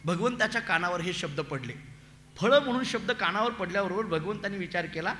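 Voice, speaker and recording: A man telling a devotional story as a kirtan preacher, animated and acting out the voices of the story's figures, with a Marathi accent. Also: sits high, fairly quick, slight background noise. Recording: echoey hall with long reverb.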